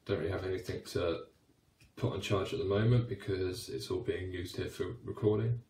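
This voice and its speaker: A man's voice: sits low, fairly even intonation, a little fast, warm tone, roomy sound. A man in his thirties casually reviewing a camping lantern, chatty and rambling with fillers and restarts. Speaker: cycling light reviewer. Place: small wooden shed, then a home room.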